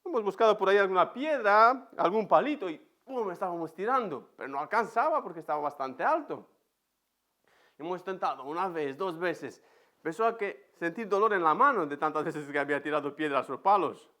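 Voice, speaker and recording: A high-pitched man with an accent from Spain preaches in an empty church. He leans into his story with a voice that leaps up and down. He is a vivid, animated storyteller. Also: brisk. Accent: Spain Spanish. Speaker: pastor. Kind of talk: sermon with personal storytelling.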